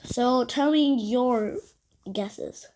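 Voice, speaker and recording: A woman hosting a reaction video, chatting casually in a halting way with lots of fillers. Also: a little high, a little mellow, faint music behind.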